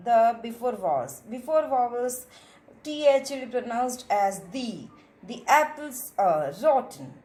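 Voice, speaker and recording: A woman's voice: high voice, a little mellow. A woman teaching English pronunciation in a classroom lesson, explaining patiently in Hindi mixed with Indian-accented English and checking in with listeners. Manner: explains slowly, mixing Hindi with English phrases, frequent "है ना" checks.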